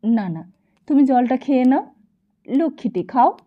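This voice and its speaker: A woman voicing a devoted young wife who soothes her sick husband gently and coaxingly. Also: high-pitched, animated, unhurried, pitched above the performer's own voice. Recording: slightly dull lo-fi recording.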